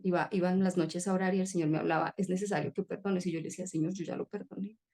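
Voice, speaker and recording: A woman's voice: on the low side, fairly even intonation, racing, warm tone. A woman telling an emotional personal testimony in an earnest, heartfelt conversational way. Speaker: guest sharing testimony.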